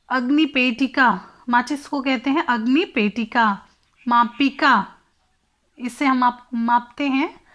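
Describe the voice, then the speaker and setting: A woman teacher with a high voice who explains a textbook lesson at an unhurried pace. She says each word twice and gives its meaning, filling the gaps with soft hums. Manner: slow, repeats each word and its meaning, fills pauses with hums. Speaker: Sanskrit teacher.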